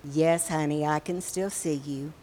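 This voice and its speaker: Woman doing a gentle, soothing dad. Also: low-pitched, steady tone, voice pushed down. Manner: soft, slow and soothing. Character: gentle, comforting father of a little girl.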